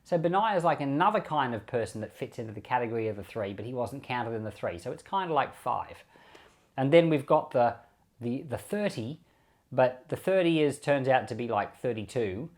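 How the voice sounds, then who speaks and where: Fairly quick and expressive, the mid-range voice belongs to an Australian pastor and Bible podcast host. He unpacks scripture in an easygoing, conversational sermon style, frequently repeating brief phrases.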